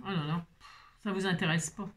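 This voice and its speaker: A woman's voice: on the low side, fairly even intonation, moderate pace, fairly bright tone, slight background noise. A woman hosting a craft tutorial, chatting and rambling with self-mocking asides as she works, feeling unwell. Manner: rambling, self-mocking, talks to viewers while working. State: unwell with migraine.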